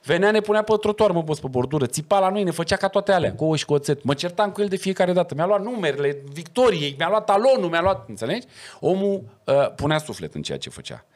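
A man, a podcast guest talking casually and telling animated, slangy stories. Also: high voice. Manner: animated storyteller, slangy, acts out quoted dialogue.

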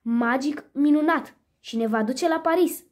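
A woman's voice: sits high, close to an everyday voice. A woman voicing a refined, gracious mother cat in a read-aloud storybook. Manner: soft, gracious.

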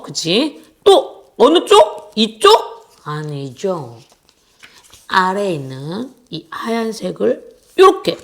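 A woman in her thirties who teaches young children, talking them through a paper craft in a playful, chatty, singsong way. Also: lowish voice. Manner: playful, singsong, chatty, addresses kids directly.

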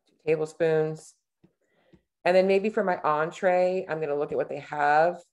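A woman's voice: low-pitched, fairly even intonation, normal speed, darkish tone. A woman in her thirties, a nutrition coach, talking casually and thinking aloud as she clicks through a screen-share tutorial over a webcam.

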